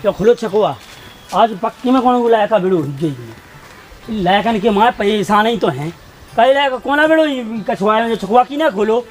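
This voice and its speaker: A man with a Bundeli accent, loudly complaining in a rustic comedy skit. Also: high voice, expressive, normal speed.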